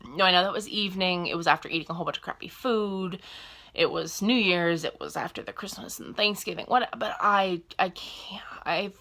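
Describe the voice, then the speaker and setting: A woman's voice: fairly low pitch, fairly quick, vocal fry, pushed and bright. A woman in her twenties talking candidly to camera in a casual vlog, rambling and correcting herself as she goes. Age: 20s. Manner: rambling and candid, self-correcting mid-sentence. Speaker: vlogger. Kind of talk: casual personal vlog talk.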